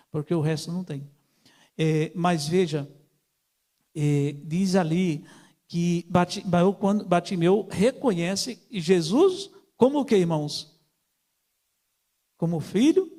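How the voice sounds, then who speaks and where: A man's voice: a little high, darkish tone. A man with a Brazilian Portuguese accent preaching an informal sermon, talking conversationally with many fillers and calling his listeners brothers.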